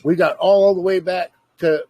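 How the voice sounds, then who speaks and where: Husky guy lecturing earnestly, kinda high voice, dry close sound. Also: fairly even intonation, normal speed, no room sound, highs cut off. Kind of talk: casual conversation.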